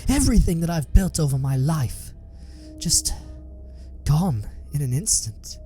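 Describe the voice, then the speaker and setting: A man's voice: mid-range voice, huge pitch swings, normal speed, dark tone, soft background music. A man voicing a proud male Jedi master who speaks in a raised, strained and indignant voice. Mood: enraged.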